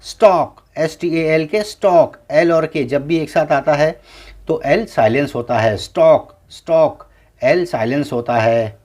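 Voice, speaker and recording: Male phonics teacher, slightly high voice, very slow and patient, spells out words and repeats them. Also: darkish tone. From India. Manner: spells words letter by letter, repeats each word slowly. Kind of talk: slow classroom lesson.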